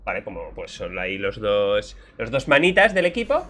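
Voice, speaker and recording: A man from Spain giving casual, jokey reaction commentary on game lore as a streamer, swearing and shouting when surprised. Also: fairly low pitch, very animated, normal speed.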